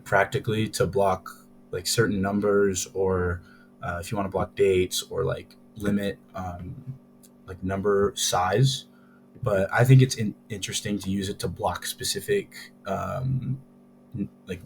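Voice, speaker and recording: Low, flat-voiced man with a swollen sore throat. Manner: hesitant, informal. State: sore throat, thick swollen-tonsil sound. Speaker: tutorial presenter. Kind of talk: casual, unscripted software tutorial. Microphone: laptop's built-in microphone. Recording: low-quality laptop mic, music behind.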